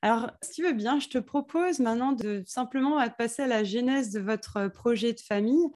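Woman podcast host, higher voice. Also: moderate pace, a little mellow, faint music behind. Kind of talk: hosted podcast interview.

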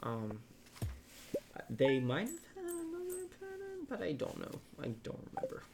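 A man's voice: extremely high pitch, huge pitch swings, moderate pace, background noise. A man co-hosting a gaming podcast, chatting casually and rambling with lots of fillers while he looks things up. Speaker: podcast co-host. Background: game music.

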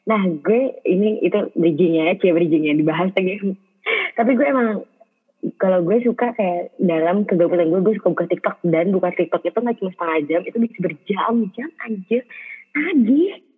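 A young woman from Bekasi co-hosting a podcast, chatting in relaxed, rambling slang. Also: on the low side, brisk, breathy edge, phone-quality sound. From Bekasi, Indonesia. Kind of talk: casual chat.

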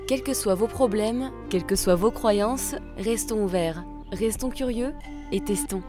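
A woman's voice: mid-range voice, a little slow, over music. A woman hosting a podcast in a chatty, playful and informal way, with a morning voice. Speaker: podcast host. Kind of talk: chatty interview.

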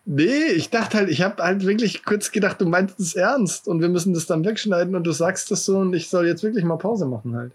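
A man co-hosts a casual podcast. He teases playfully and laughs often. His voice sits fairly high and sounds a bit husky. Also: expressive, brisk, few pauses. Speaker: podcast co-host.

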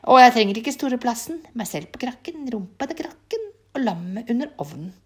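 A woman voicing a sly, greedy male fox trickster who talks loudly and demandingly in a folk tale. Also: fairly high pitch, very animated, husky.

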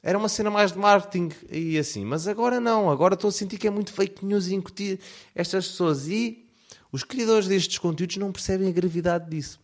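A young man with a European Portuguese accent, ranting in a casual, animated vlog monologue full of filler words. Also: high-pitched, brisk. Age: young adult. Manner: animated, heavy use of fillers like "pá". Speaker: vlogger.

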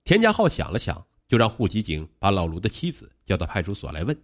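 Brief: male crime-story narrator, middle pitch, very lively intonation, animated delivery. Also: fast. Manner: animated storytelling with rising emphasis.

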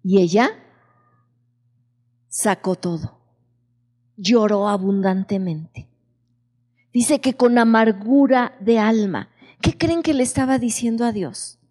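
A woman preaching a sermon, slowly putting questions to her congregation. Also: fairly high pitch, warm tone. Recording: long echo of a large hall.

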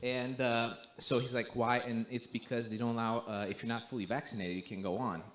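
A young man from Romania, a guest missionary, telling a story in a relaxed way, full of "like" and "you know". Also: medium pitch, fairly quick, slight background noise. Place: church sanctuary.

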